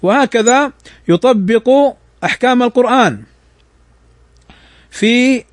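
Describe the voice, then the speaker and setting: A man teaching Quranic recitation rules, reciting verses slowly and melodically, then explaining quickly. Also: very high-pitched, no room sound. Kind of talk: tajweed lesson with slow recitation.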